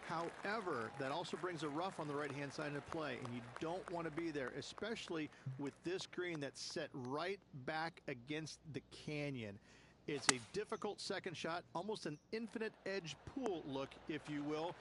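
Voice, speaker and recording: Higher-voiced male golf analyst over loud noise. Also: normal speed. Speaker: golf commentator, course analyst. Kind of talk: explanatory golf commentary in a video game. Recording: loud ambient noise behind.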